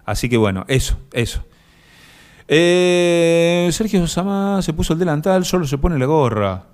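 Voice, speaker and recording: A man's voice: a little high, lively intonation, unhurried, a little mellow, clean tone. A man with an Argentine accent hosting a live stream, reading viewer comments and rambling through mock-serious jokes with many fillers. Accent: Argentine Spanish. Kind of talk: joking casual chat.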